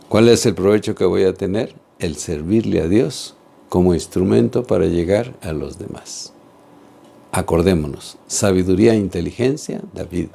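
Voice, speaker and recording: A man's voice: sits low, vocal fry, mellow, husky. A man giving an earnest religious teaching talk, speaking straight to viewers and asking them questions. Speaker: catechist.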